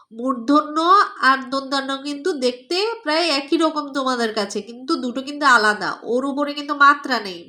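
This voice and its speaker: A woman with a Bangladeshi Bengali accent teaching children letter sounds, saying each one slowly and repeating it for them to echo. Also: high-pitched, pushed and bright. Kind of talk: children's pronunciation lesson.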